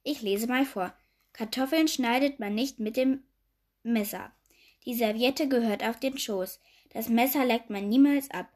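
A woman voicing a fussy, prim queen who is anxious about manners, reading the rules aloud a little louder. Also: on the high side, measured pace, lightly acted.

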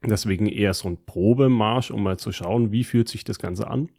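Mellow, low-voiced man chatting casually. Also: moderate pace, vocal fry. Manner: colloquial, slangy. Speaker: podcast co-host. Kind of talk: casual chat, telling about his week.

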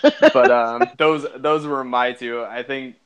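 A man's voice: medium pitch, steady tone, takes it slowly, clean tone. A man co-hosting a casual football podcast, wry and blunt in his takes. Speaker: podcast co-host. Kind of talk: casual sports chat.

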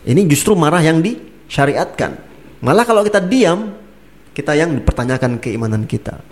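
Man preaching in a lively chat. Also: fairly high pitch, moderate pace. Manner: lively, laughing, acts out angry speakers. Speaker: Islamic preacher. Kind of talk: casual religious talk.

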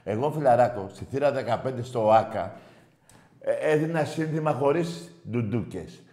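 A man hosting a call-in sports radio show, loud and mocking as he argues with callers. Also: mid-range voice, expressive, roomy sound. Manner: loud, shouting and mocking rival fans. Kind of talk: heated call-in sports banter.

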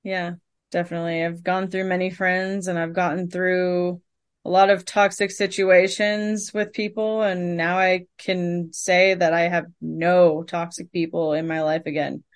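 A woman hosts a casual podcast chat and keeps affirming what her guest says. Her voice sits low for a woman, and she speaks plainly and steadily. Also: little pitch movement, a little slow, clear, resonant tone. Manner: agreeable, affirming. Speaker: podcast host. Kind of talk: casual conversation.

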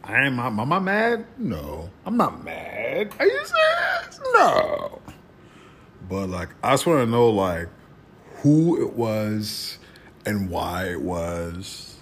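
A man's voice: low voice, slight background noise. A man in his late thirties, hosting a podcast, delivering a blunt, profane rant with constant swearing. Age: 30s. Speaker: podcast host.

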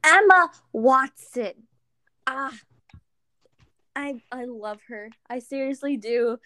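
Giggly young woman, slow and breathy-high. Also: steady tone, dry recording. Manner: giggly, gushing, trails off with "like". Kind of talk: casual chat.

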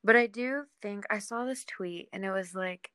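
A young podcast host with a medium-pitched, fairly bright, clean voice speaks at a moderate pace. She steers a casual television discussion in an informal, slangy, agreeable style. The recording is clean studio sound with no room sound.

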